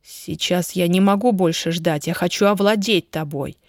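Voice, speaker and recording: A woman voicing a wealthy young husband, ardent but guarded, in a slow, low, even delivery. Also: dry recording, studio quality, natural voice. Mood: low, measured.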